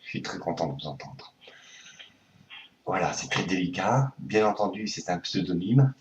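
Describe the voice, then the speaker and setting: A man making a prank phone call, hesitant and full of pauses, earnestly conspiratorial. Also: sits low, lively intonation, slight background noise. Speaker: prank caller.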